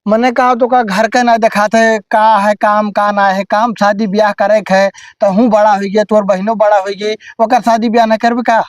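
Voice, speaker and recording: A man's voice: high-pitched, flat delivery, moderate pace, hardly any pauses, no echo, studio quality, natural voice. A man playing a blunt, bossy village headman who hands out advice in an Awadhi accent in an amateur comedy sketch. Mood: stern, bossy. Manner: blunt, advising.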